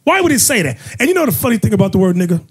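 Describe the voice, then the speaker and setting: A man acting as bishop and host, preaching in a fiery way, mocking and often shouting. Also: sits high, sing-song, racing, husky.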